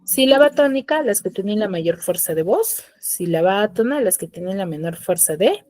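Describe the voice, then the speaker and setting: A woman's voice: medium pitch, animated, normal speed, darkish tone, dry recording, rough recording. A woman teacher, lecturing in an online class, explaining patiently, repeating key terms and checking that the students follow. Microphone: computer mic on a video call.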